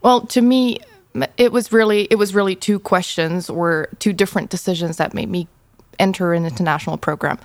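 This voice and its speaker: A woman's voice: medium pitch, fairly quick, no room sound. A woman in her twenties from Germany, a student guest on a podcast, speaking in an articulate, reflective way. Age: 20s. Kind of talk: podcast discussion.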